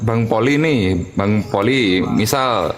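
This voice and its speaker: A man acting as a go-between in an online debate, calming both sides in a friendly, joking way. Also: fairly low pitch, slow pace. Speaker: debate moderator.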